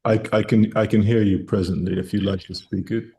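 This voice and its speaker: A man hosting a live stream, answering viewer questions in a formal, measured way with elaborate vocabulary. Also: fairly low pitch, fairly even intonation, creaky, warm tone. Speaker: host of a health live stream.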